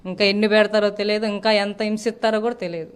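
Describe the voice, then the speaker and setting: A woman's voice: mid-range voice, steady tone, racing, clean tone. A woman giving an interview, describing her grievances in an earnest, aggrieved way. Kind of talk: interview complaint.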